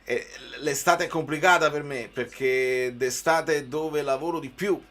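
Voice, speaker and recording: A man's voice: fairly high pitch, a little slow, a bit bright. A man giving live football commentary mixed with informal, conversational chat to viewers.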